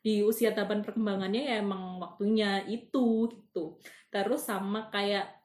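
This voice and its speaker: A woman, talking casually on a podcast with many pauses and fillers. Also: medium pitch, fairly even intonation, a little mellow. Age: 20s. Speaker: podcast co-host. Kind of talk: casual chat. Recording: echoey room.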